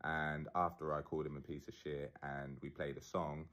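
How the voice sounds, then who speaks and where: A man's voice: very deep voice, flat delivery, moderate pace, fairly bright tone. A man in a played clip, curtly denying an accusation.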